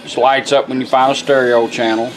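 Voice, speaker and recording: With music in the background and poor audio quality, a middle-aged Southern American man demonstrates a product in a plain, folksy, casual manner. He restores radios, and his medium-pitched voice is level and fairly quick.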